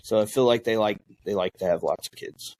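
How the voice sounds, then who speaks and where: A man hosting a casual podcast over a call, joking with profanity and laughing loudly. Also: brisk. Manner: profane, jokey, laughs loudly and jumps high in pitch when amused. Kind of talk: casual chat. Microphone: video call.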